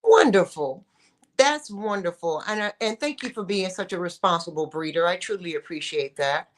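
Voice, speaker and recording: A woman's voice: lowish voice, a little fast, fairly bright tone, a little hiss or hum. A woman hosting a casual chat show in an effusive manner, full of endearments and repeated phrases. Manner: effusive, uses affectionate address and repeats phrases. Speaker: talk show host.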